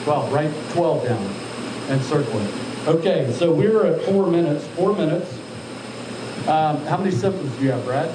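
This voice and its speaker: An expressive man with a voice on the high side speaks at a moderate pace while instructing trainees in an altitude chamber. In a directive, questioning manner he checks their work, quizzes them, and addresses them as sir. The recording is echoey and distant, over loud machinery noise.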